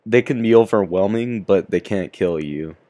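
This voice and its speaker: A man's voice: lowish voice, normal speed, warm tone, dry recording. A young man in casual podcast chat, joking in slang and arguing his points. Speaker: podcast co-host.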